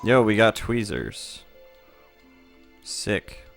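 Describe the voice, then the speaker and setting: Laid-back, joking gameplay host. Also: male voice, fairly low pitch, big pitch swings, extremely slow, gravelly, music in the background. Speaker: let's play host. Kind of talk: casual gameplay commentary.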